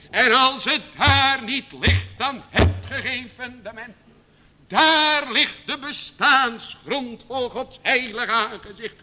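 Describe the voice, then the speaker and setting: A man preaching a sermon to his congregation, slow and emphatic, with dramatic repetitions. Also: very high voice, bright, forceful tone.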